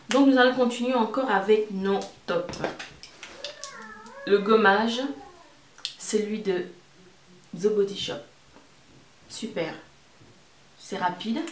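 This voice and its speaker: A woman giving a casual product review to camera as a beauty vlogger, repeating words and phrases for emphasis. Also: mid-range voice. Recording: roomy echo, distant mic, faint noise.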